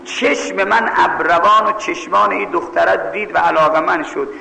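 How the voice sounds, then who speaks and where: A man from Mashhad preaching a sermon, telling a story in an animated, scolding way. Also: sits high, vocal fry, echoey room, long reverb tail, poor audio. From Mashhad, Iran.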